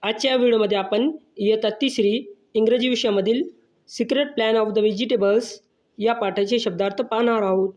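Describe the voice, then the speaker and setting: A teacher giving a slow vocabulary lesson, spelling each word letter by letter and then giving its meaning. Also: medium pitch, fairly even intonation, a little mellow.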